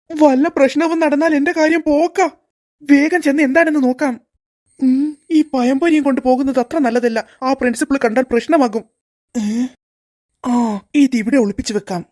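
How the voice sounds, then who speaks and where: A woman's voice: a little high, darkish tone, dry recording, clean studio sound, natural voice. Woman doing a middle-aged cartoon security guard, greedy, sneaky, mutters fondly to himself. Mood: fretful. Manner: fond muttering to his snack, fretful. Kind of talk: cartoon voice acting.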